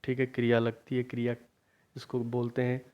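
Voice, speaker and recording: A man teaching a grammar lesson for exam preparation, asking questions and then answering them himself, repeating key points slowly. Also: medium pitch, completely flat delivery, smooth. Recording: dull lo-fi recording.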